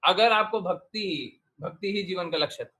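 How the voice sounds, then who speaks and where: A man's voice: high voice, normal speed, sharp tone, slightly rough. A man giving a devotional discourse, exhorting his listeners with repeated short commands and questions. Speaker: spiritual teacher.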